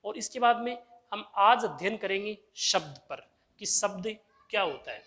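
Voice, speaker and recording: A man's voice: high-pitched, lively intonation, moderate pace, fairly bright tone. A male teacher giving an exam-prep grammar lesson, who asks the class questions and answers them himself, repeating the key terms. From India.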